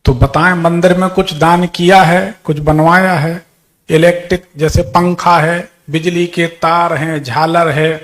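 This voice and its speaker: A man's voice: a little high, little pitch movement, unhurried, a bit bright. A man giving an astrology consultation, questioning a client and stating predictions with authority.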